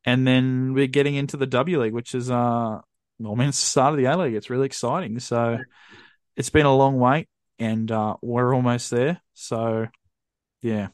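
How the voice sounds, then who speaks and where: A man's voice: medium pitch, steady tone, normal speed, no room sound. A man co-hosting a podcast in casual chat, who makes dry teasing wisecracks. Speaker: podcast co-host. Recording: dry, close sound.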